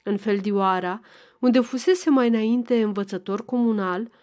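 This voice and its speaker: A volunteer audiobook reader with a fairly high voice narrates a classic novel. She keeps a measured, even pace and a calm storytelling manner.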